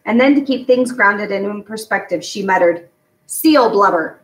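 A middle-aged woman reads a children's novel aloud as a storyteller, her voice medium-pitched and at a normal speed. She's indoors in a home garage, and the recording has an echoey room sound with a distant mic.

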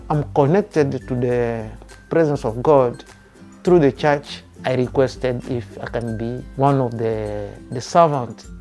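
A man, speaking a careful, halting personal testimony indoors. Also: mid-range voice, warm tone, faint music behind. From Democratic Republic of the Congo. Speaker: church member. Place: indoor room by a window.

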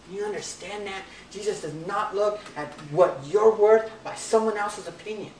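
A preacher giving a casual, joking sermon in a church hall, reading scripture slowly in between. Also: medium pitch, a little mellow, a little hiss or hum. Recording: echoey room from far off.

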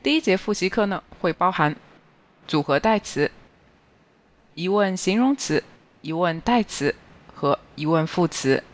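A language teacher reading a scripted grammar review slowly and carefully, pausing on each listed word. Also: mid-range voice. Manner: slow, even, careful reading of word lists. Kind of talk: scripted grammar lesson narration.

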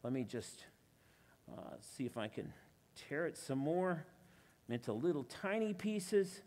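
A man's voice: fairly high pitch, big pitch swings, measured pace, darkish tone, long reverb tail. A man performing stage illusions with a volunteer before a live church audience, chatty and self-deprecating with playful asides. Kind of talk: live magic show patter with audience volunteer.

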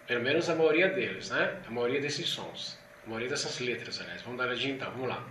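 A man's voice: medium pitch, fast, bright, forceful tone, a little hiss or hum. A man teaching a language lesson, who patiently repeats each sound several times and often checks in with tag questions. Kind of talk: explaining Russian letters, slowly repeating sounds. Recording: echoey room with faint ambience.

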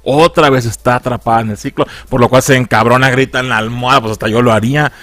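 A man's voice: mid-range voice, fairly even intonation, quick pace, fairly bright tone, no echo. A man with a Mexican accent, recapping a film in a casual, slangy way and acting out characters' lines in a raised voice. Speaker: film reviewer.

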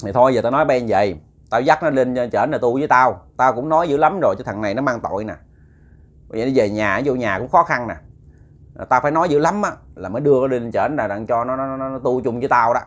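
A man's voice: mid-range voice, quick pace, close to an everyday voice. A man with a Southern Vietnamese accent voicing the spirit of a stern old woman who speaks through a possessed woman, scolding bluntly in a raised voice.

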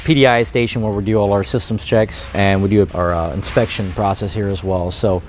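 A man giving a practical, steady walkthrough of a factory's inspection process, with a lapel mic in a large indoor factory. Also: on the low side, brisk, a little hiss or hum. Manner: practical, steady explaining with fillers. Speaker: plant quality manager. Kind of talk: factory tour explanation.

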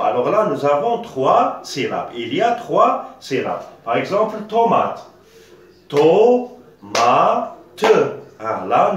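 Slow, patient teacher in an echoey room. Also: male voice, medium pitch, slight background noise. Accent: Algerian French. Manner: patient, spells out syllables, many hesitations. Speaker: primary school teacher. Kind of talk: slow classroom-style reading lesson. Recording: echoey room, distant dull mic.

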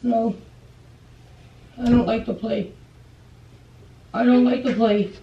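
A woman's voice: fairly high pitch, steady tone, slow, highs cut off. A frightened woman pleading and exclaiming, repeating herself as she reacts to a prank in a bedroom. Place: small bedroom. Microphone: far camera. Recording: echoey bedroom, far from camera, faint noise.

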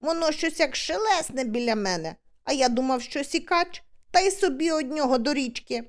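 Female reader doing a sheepish grown hunter, brisk and explanatory, lively pitch, for a storybook. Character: sheepish male hunter owning up.

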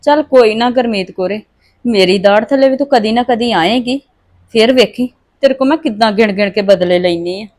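A woman's voice: a little high, a little fast, a little mellow, lightly acted. A woman playing a wronged daughter-in-law accused of theft, pleading and aggrieved. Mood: bitter. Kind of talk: family drama acting.

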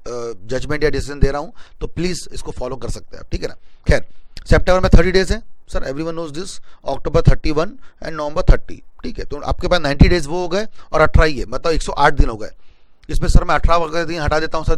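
A man's voice: a little high, brisk, no room sound, rough recording. A young man giving an exam-planning lecture as a coaching teacher, switching between Hindi and English and repeatedly checking in with his listeners. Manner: mixes Hindi and English, addresses viewers as sir, repeats "ठीक है ना?".

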